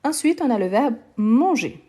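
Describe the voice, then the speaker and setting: A woman's voice: on the high side, expressive, normal speed, warm tone. A woman teaching French on a live online lesson. She speaks patiently, repeats each word and often praises her learners.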